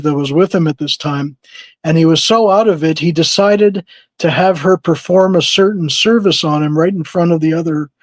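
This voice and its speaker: A man's voice: on the high side, no room sound, poor audio. A man on a podcast, casually telling a long story and acting out the people in it, laughing often. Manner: animated storyteller who acts out quoted people, laughs often. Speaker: podcast co-host.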